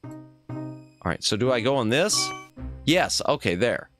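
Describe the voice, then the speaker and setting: A man hosting a casual game livestream, chatting in an expressive, exclamatory way. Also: mid-range voice, slow, faint music behind. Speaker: livestream host.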